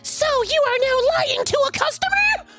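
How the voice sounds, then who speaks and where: A woman's voice: extremely high pitch, animated, moderate pace, a bit bright, soft background music, voice pushed up. A woman voicing an indignant, entitled middle-aged mother who screeches at a store clerk. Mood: furious.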